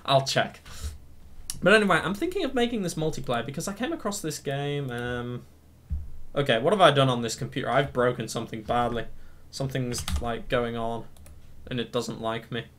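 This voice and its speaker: A man's voice: medium pitch, normal speed, a bit bright. A man hosting a coding tutorial, hyper from energy drinks and rambling along, mocking himself as he goes. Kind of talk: rambling screen-recorded tutorial chat.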